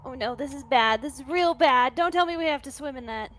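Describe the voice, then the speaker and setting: A woman's voice: sits high, a bit bright. A woman voicing a spunky, playful young cat-folk monk. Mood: dismayed. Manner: bubbly, playful, quick to laugh.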